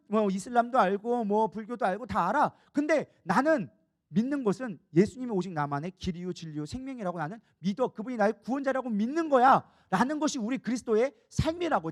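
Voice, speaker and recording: A male pastor delivering a sermon in a high, quick voice. He teaches conversationally, stopping often to ask the congregation rhetorical questions and check that they follow.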